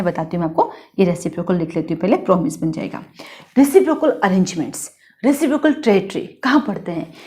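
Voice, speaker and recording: A woman law teacher with an Indian accent, schooled in Hindi, lecturing in a lively way and repeating points with quick questions to her students. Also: mid-range voice. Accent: Hindi-medium Indian English words. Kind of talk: classroom lecture.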